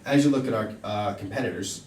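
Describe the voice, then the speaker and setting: A young man delivering a persuasive sales pitch as a venue salesperson, emphatic and full of assurances. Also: fast, darkish tone. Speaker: event venue salesperson in a role play. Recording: echoey room, distant mic, faint rumbling noise.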